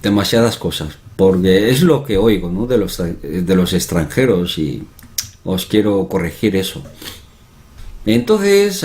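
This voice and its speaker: A man's voice: fairly low pitch, darkish tone. A man teaching an online language lesson, explaining patiently and repeating example words several times, with chatty asides. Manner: chatty asides, often asks "¿no?".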